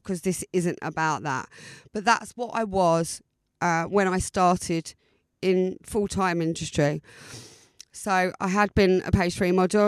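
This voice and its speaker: Smooth-voiced Essex woman, chatty podcast host. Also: fairly low pitch, dry recording. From Essex, England. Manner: chatty, hesitant, often repeating words for emphasis. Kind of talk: informal autobiographical podcast monologue.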